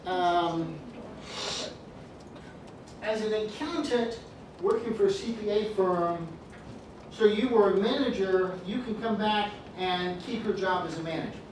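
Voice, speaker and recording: A man's voice: sits high, a little slow, long pauses, darkish tone, a little hiss or hum. A man teaching a business law class, reading through points and calling on students by name with dry jokes. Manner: joking, calls on students by name. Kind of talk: classroom lecture. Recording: echoey classroom from far off.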